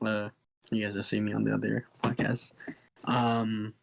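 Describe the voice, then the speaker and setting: A man's voice: on the low side, level tone, normal speed, vocal fry, rough recording. A young man joking around as a guest on a casual podcast. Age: young adult. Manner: joking, teasing, laughs easily.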